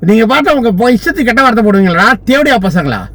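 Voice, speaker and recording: A man's voice: very high voice, sing-song, very fast, fairly bright tone, dry recording. A man from Tamil Nadu, a lawyer, delivering a furious, abusive political rant full of insults.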